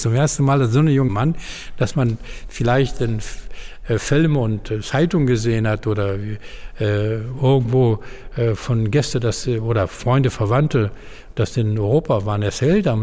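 A man in his seventies from Afghanistan with an Afghan accent, a former diplomat speaking earnestly in halting German with many fillers. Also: medium pitch, warm tone. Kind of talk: interview testimony. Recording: long hall reverb.

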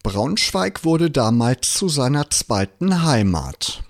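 A man narrating a news report in a measured reporting tone. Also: medium pitch, big pitch swings. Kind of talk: scripted narration.

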